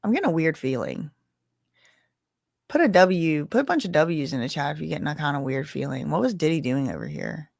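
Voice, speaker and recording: Sitting low and a little mellow, her creaky voice has a sing-song lilt and moves a little fast over a dry, studio-quality recording. She's a casual livestream host recapping court testimony, chatty as she reads the chat and reacts with gasps and exclamations.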